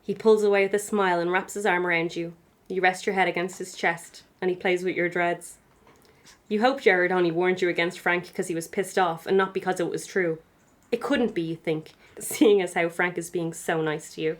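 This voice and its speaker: A woman's voice: fairly low pitch, steady tone, normal speed. A young woman co-hosting a podcast, reading her teenage fanfic aloud with frequent giggles and self-mocking asides. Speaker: guest co-host reading her old fanfic.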